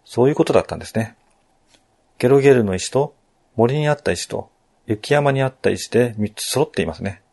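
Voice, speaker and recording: A man's voice: mid-range voice, lively intonation, brisk, creaky, a little mellow. Polite man narrating a game walkthrough. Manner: polite, explanatory, with asides.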